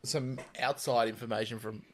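A man's voice: mid-range voice, steady tone, moderate pace. A man co-hosting a podcast, making wry, sarcastic asides in casual chat about a reality show. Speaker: podcast co-host.

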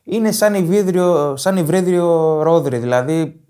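A man co-hosting a casual football podcast, trading quick, teasing banter. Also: a little high, dark tone. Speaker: podcast co-host.

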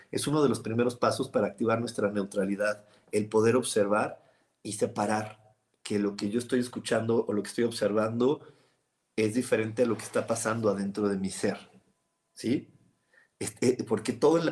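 A middle-aged man with a Mexican accent hosting a live advice program, explaining patiently and often repeating himself as he restarts phrases. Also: on the low side. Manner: calm and explanatory, with frequent repetitions and restarts. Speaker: reader giving private readings. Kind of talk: reflective advice talk, reading viewer comments.

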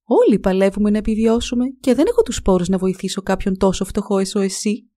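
A woman voicing a haughty mayor's wife who scolds in a loud, high voice in a storybook reading. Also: lively intonation, lightly acted. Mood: indignant. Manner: shrill, scolding.

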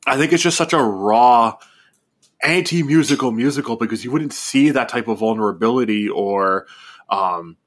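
A man's voice: fairly low pitch, a bit bright, slight background noise. A man co-hosting a podcast, talking through films in a loose, rambling way with lots of fillers. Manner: rambling, many fillers and restarts. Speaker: podcast co-host. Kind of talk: casual film discussion.

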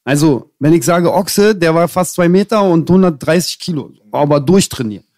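A man from tells stories as a guest. His talk is loose and full of street slang, and his voice sits a little higher than most men's. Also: animated, moderate pace, darkish tone. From Berlin. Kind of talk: casual storytelling chat.

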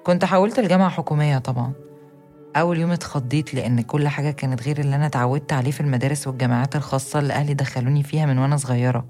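A young woman with an Egyptian accent, giving an earnest, steady first-person account as a narrator. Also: rumbling low, racing, faint music behind. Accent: Egyptian Arabic. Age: young adult.

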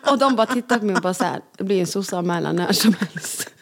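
A woman in her thirties co-hosting a casual podcast chat, telling stories with lively acted-out voices and frequent laughter. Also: mid-range voice. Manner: animated storytelling, acts out voices, laughs often. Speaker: podcast co-host.

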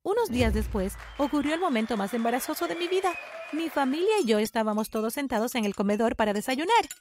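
High-voiced woman telling a dramatic story. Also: big pitch swings, quick pace, darkish tone, a little hiss or hum. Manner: dramatic, emotional delivery. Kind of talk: scripted first-person story narration.

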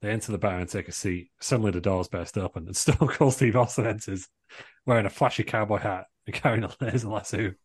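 A man's voice: fairly low pitch, fast, husky. A man narrating a comic amateur play from a script, reading out stage directions as co-host.

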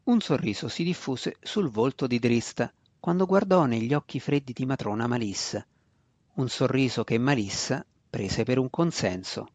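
A man reading a fantasy novel aloud in a steady, expressive narration. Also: mid-range voice, normal speed, no echo. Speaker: audiobook narrator.

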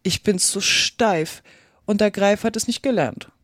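A reader voicing a sad, sighing mock turtle, speaking slowly and plaintively in a storybook reading. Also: medium pitch, dry recording, studio quality, natural voice. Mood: mournful. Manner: slow, drawn-out, plaintive. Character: mournful sighing mock turtle from a fairy tale. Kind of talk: reading a children's classic aloud.

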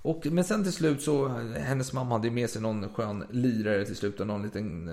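A man in a casual podcast chat, retelling a story in a relaxed, hesitant way with many fillers. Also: medium pitch. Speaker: co-host.

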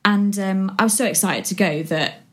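A young woman from Yorkshire telling her story in a relaxed chat. She rambles, filling her sentences with ums and likes. Her voice sits at a middling pitch. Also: moderate pace. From West Yorkshire, England. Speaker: guest. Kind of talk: casual chat.

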